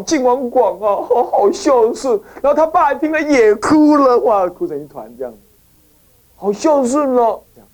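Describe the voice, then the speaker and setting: Animated woman telling a dharma story. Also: mid-range voice. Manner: animated storytelling, acting out each character with dramatic voices and sighs. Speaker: Buddhist teacher and temple abbot.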